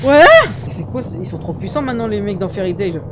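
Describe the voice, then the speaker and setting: A woman's voice: medium pitch, quick pace, background noise. A woman hosting a reaction video, commenting casually in slangy, exclamatory bursts. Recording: music from the show behind.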